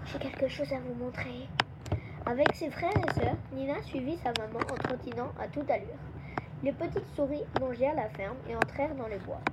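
A woman reading a children's Christmas story aloud in a gentle, expressive storytelling manner. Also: high voice, brisk. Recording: dull lo-fi with clear background noise.

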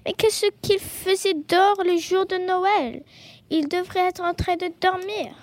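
A woman voicing a grumpy male badger in a storybook, with a gruff, grumbling manner. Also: very high-pitched, measured pace, a little mellow, dry recording, voice pushed up. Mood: fussing.

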